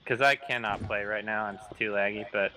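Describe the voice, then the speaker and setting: A man's voice: on the low side, fairly even intonation, brisk, pushed and bright. A laid-back man in casual voice chat on a laggy connection. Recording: noisy laggy voice-chat line.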